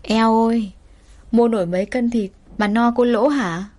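A woman's voice: on the high side, fairly even intonation, normal speed, close to an everyday voice. A good-hearted market butcher woman of middle age, voiced by the female narrator in near her own tone. She teases and fusses in a motherly way. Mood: kindly teasing. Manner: warm teasing, motherly.

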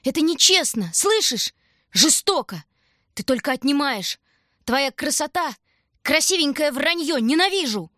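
A woman's voice: a little high, normal speed, slightly rough, no room sound, clean studio sound, pitched above the performer's own voice. A woman voicing a frightened, fierce young girl in wartime, crying out desperately in an audiobook. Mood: anguished shouting. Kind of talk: audiobook character voice.

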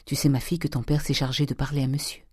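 A man reading an audiobook, voicing a timid older mother who speaks in a hushed, anxious way. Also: mid-range voice, flat delivery, fast, breathy edge, no echo, clean studio sound, natural voice.

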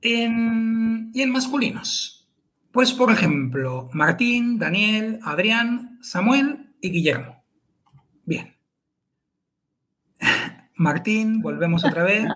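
A man's voice: high voice, expressive, slow, long pauses, fairly bright tone. A man, co-hosting a podcast chat and explaining pronunciation carefully, syllable by syllable. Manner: careful and methodical, spells out syllables.

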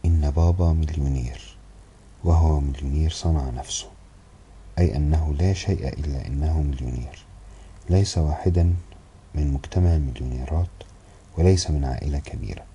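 A man reading the lines of a young female student in an audiobook, soft and measured with a sighing manner. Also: extremely low pitch, slight background noise. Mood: resigned. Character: young woman student, quietly resigned.

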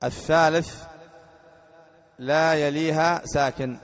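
A man's voice: on the high side, fairly even intonation, slow pace. A man teaching a grammar lesson as a sheikh, repeating each point and putting short questions to his students. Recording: dull lo-fi lecture recording.

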